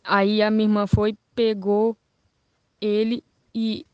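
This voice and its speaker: A woman's voice: mid-range voice, flat delivery, slow, smooth, no echo, dull audio. A woman giving a personal testimony, telling events plainly one after another. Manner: plain storytelling, chaining events with "aí". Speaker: witness telling her story.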